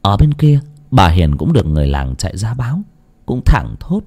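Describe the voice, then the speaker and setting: A man telling a dramatic village story as narrator, animated and shifting into character voices. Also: lowish voice, moderate pace.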